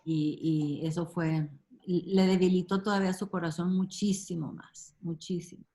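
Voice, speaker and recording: A woman leading a casual group Bible study over a video call, speaking slowly and warmly with frequent fillers. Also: fairly low pitch, fairly even intonation, a little hiss or hum. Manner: warm, unhurried, many fillers like "este" and "ujú".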